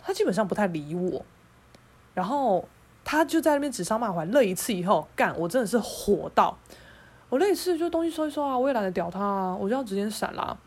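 A woman's voice: mid-range voice, sing-song, brisk, husky. A woman with a Taiwanese Mandarin accent hosting a podcast, telling a story in a heated, profane, sarcastic rant. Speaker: podcast host.

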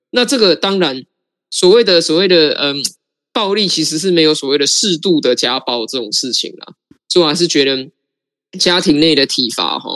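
A man's voice: a little high, a bit bright, dry recording. A man with a Taiwanese Mandarin accent, co-hosting a casual podcast and firmly laying out his opinions. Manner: opinionated, emphatic arguing. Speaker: podcast co-host.

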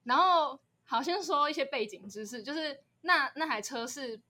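A young woman in her twenties with a Taiwanese Mandarin accent, co-hosting a podcast and telling a story in a quick, chatty way. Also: sits high, lively intonation, pushed and bright. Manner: quick, chatty, setting up background details. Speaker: podcast co-host. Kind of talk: casual storytelling chat.

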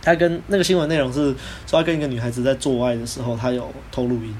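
A man with a Taiwanese Mandarin accent, hosting a podcast, telling a personal story in a casual, animated way and acting out the people he quotes. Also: mid-range voice, very fast, slight background noise. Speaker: podcast host.

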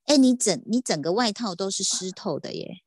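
A woman's voice: mid-range voice, lively intonation, normal speed, slightly rough, dry recording, clean studio sound. A woman podcast host with a Taiwanese Mandarin accent, telling a story in casual chat and quoting others.

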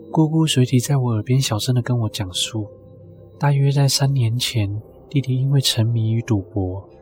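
A man's voice: mid-range voice, darkish tone. A man narrating a scripted first-person ghost story as a storyteller. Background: music.

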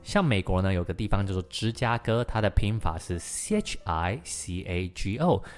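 A young man hosting an English-learning podcast lesson in a chatty, lively way, slowly modelling English sounds again and again. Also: sits low. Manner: chatty, lively, with many sentence-final particles.

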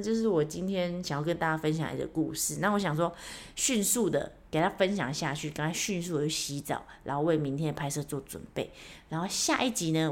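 A young woman hosts her own podcast, telling a story from her life on her own. She talks in a chatty, animated way and pokes fun at herself as she goes. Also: low voice. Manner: chatty, self-mocking, animated. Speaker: podcast host. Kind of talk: casual solo storytelling.

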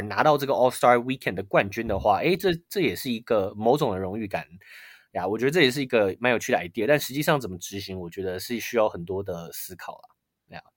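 A man's voice: medium pitch, a bit bright, dry recording, clean studio sound. A man on a casual podcast, thinking aloud in a tentative way with lots of fillers. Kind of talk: casual sports chat.

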